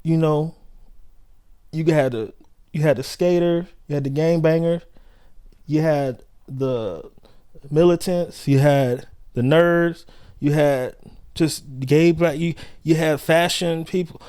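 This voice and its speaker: Podcast co-host, young adult man from South Central Los Angeles, fairly high voice, slangy and loose, close dry mic. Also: steady tone, takes it slowly, dark tone, clean tone, dry recording. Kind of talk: casual podcast chat.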